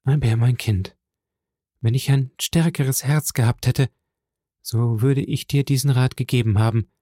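A man's voice: mid-range voice, steady tone, a little slow, dark tone, slightly rough, no echo, clean studio sound. A man voicing an anxious, grieving noble mother in an audiobook reading. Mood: sorrowful.

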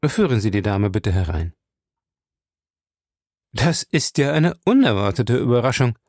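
A man's voice: mid-range voice, sing-song, measured pace, a little mellow, no echo, studio quality. A man reading an audiobook voices an impatient former soldier turned police captain who speaks in a clipped way. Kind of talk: audiobook character voice.

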